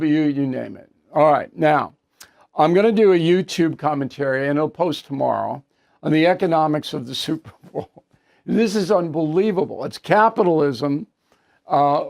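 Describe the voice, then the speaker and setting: Gravelly-voiced older male news host. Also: on the high side. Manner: blunt, brisk, wry asides. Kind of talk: opinion news commentary and interviews.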